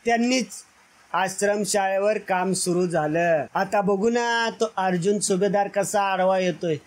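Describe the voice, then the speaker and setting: A man doing a scheming middle-aged man from a serial recap, high-pitched, wheedling and flattering on the phone, then bossy and curt at home. The voice is raised and lightly acted. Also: measured pace.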